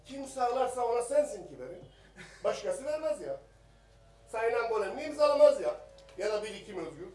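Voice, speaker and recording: An extremely high-pitched man speaks briskly and a little mellowly, his pitch swinging widely, as he hurls rhetorical questions at the minister from a parliament rostrum. He is a member of parliament giving a combative speech in the assembly hall. The mic is distant and his voice echoes, with soft music in the background.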